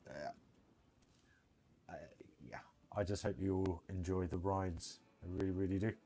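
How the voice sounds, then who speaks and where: Unhurried and deep-voiced with a dark tone and fairly even intonation, a British streamer offers casual game livestream commentary. He keeps it informal, wandering off as he thinks aloud.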